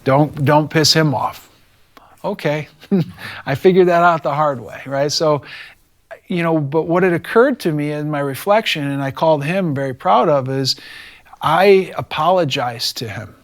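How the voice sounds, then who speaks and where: A middle-aged man, a teacher, telling a story from his classroom in a relaxed interview and acting out the lines of the people in it. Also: a little high, moderate pace. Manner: animated, acts out quoted dialogue.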